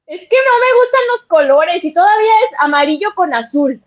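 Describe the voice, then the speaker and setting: A woman's voice: extremely high pitch, lively intonation, a little fast, lo-fi sound. A chatty woman with a Guadalajara Mexican accent, joining a sports talk show over a remote call. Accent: Guadalajara Mexican Spanish. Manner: chatty and giggly. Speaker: sports correspondent. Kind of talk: casual chat on a sports show.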